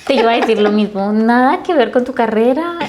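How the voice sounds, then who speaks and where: A woman's voice: a little high, expressive, fairly quick, noisy background. Colombian lady hosting an interview, chatty, keeps echoing her guest and asking more. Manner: chatty, echoes the guest and asks follow-up questions. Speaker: host. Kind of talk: conversational interview.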